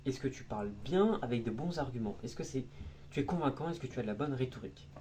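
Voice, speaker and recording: A man explaining public speaking tips in a casual explainer video, lively and informal, sometimes slipping into crude slang and demonstrating different tones as he goes. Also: mid-range voice, fast, slight background noise.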